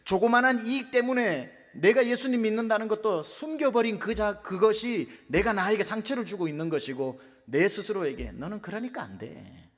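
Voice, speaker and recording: Man, middle-aged pastor, slightly high voice, dramatic sermon, voices inner thoughts, long church echo. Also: expressive, normal speed, few pauses. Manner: dramatic, acts out inner voices, swings from loud to hushed. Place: large church sanctuary. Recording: long hall reverb.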